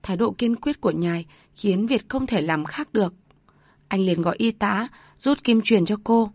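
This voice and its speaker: A woman's voice: medium pitch, darkish tone, no room sound. A woman narrates a family drama in an emotive, storytelling manner. The reading sounds dry and close to the mic. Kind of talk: read-aloud story narration.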